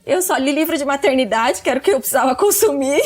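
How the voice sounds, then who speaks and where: A woman's voice: sits high, expressive, fast. A woman in her thirties, chatting casually as a podcast guest, laughing often and filling her talk with fillers. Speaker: podcast guest, book club member. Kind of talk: casual chat about a book.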